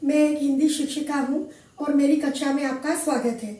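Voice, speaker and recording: A woman Hindi teacher giving a slow classroom lesson, repeating each word clearly as she spells out sounds. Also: high-pitched, steady tone, dark tone, distant mic. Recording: echoey room, voice from afar.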